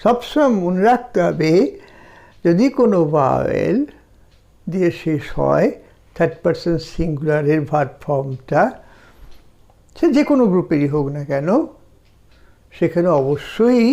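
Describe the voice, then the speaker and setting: A man with a Bengali accent teaching a language lesson, slowly drilling verb forms for listeners to repeat. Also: fairly high pitch, vocal fry, dark tone. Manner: slow, deliberate drilling of verb forms for repetition. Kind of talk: slow spoken language lesson.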